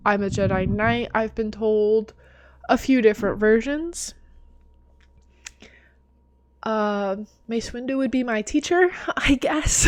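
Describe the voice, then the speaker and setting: Young woman vlogging a quiz, kinda tired, giggly, slow talker, dry sound. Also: mid-range voice, no room sound. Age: young adult. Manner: giggly, self-mocking. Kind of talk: casual chat doing a quiz.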